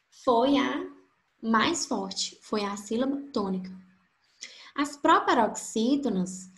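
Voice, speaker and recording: A woman teaching a grammar lesson, slowly stretching out each example word to show its stressed syllable. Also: a little high, roomy sound. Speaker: Portuguese teacher.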